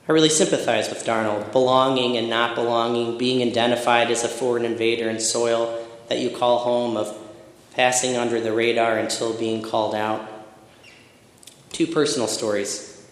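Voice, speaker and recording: A middle-aged man from Michigan is preaching a sermon. He moves through personal stories at a steady, reflective pace and builds emphatic lists. His voice rings around a reverberant hall. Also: mid-range voice, normal speed, pauses often. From Michigan, USA. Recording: echoey hall with long reverb.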